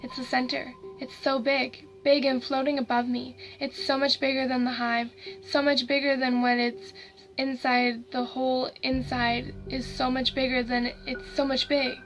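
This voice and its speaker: Woman voicing a dead boy's hushed, hateful growl. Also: sits high, level tone, moderate pace, faint music behind, lightly acted, rough recording. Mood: terrified. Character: dead young boy, bitter and terrified.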